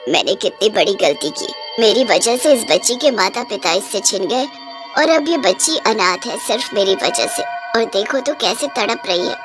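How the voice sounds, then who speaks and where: A woman's voice: mid-range voice, animated, moderate pace, pitched below the performer's own voice, lightly acted. A woman voicing a menacing, hungry female witch with a gloating, cackling manner in a storybook cartoon. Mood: remorseful. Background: music.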